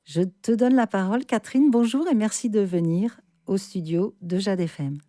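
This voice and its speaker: A woman's voice: medium pitch, moderate pace, dark tone, no room sound, clean studio sound. A woman in her sixties hosting a radio interview, introducing her guest. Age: 60s. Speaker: radio host.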